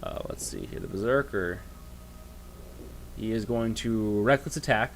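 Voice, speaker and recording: A man narrating as game master of a tabletop game, halting and full of fillers. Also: lowish voice, slight background noise. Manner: halting, many fillers and restarts.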